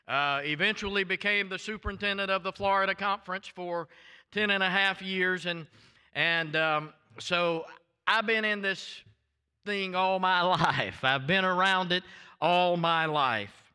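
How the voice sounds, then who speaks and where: Older male pastor, thick Deep South accent, unhurried emphatic sermon, clear resonant voice, echoing hall. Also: bright, forceful tone. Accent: thick Deep South American. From southern United States. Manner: folksy, emphatic, conversational storytelling. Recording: reverberant hall sound.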